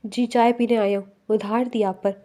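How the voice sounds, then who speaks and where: A woman voicing a male office boss in a read-aloud novel, in a softly coaxing voice. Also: on the high side, flat delivery, moderate pace, close to an everyday voice. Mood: menacing. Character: male office boss, caring then menacing.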